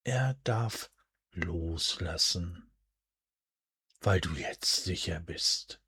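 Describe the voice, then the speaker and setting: Male, deep and husky, near-whispered sleep hypnosis narration, soothing and unhurried, very dry close sound. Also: dry recording. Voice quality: breathy, soft, at times near a whisper. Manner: soothing, hushed, deliberate, with drawn-out pauses. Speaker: hypnosis and relaxation guide.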